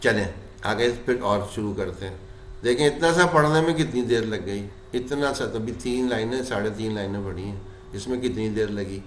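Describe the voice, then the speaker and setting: A man's voice: on the low side, slight background noise. Man teaching Quran recitation, echoey room. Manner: explains rules, then stretches words slowly in chanted recitation; asks the class questions and answers them himself. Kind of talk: tajweed lesson with recited examples. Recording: roomy echo.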